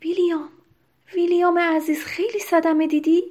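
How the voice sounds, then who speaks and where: An anxious young noblewoman, read by a woman narrator, speaks in hushed, urgent tones. Her voice sits fairly high and her pitch stays narrow. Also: fairly even intonation, slightly rough. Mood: worried.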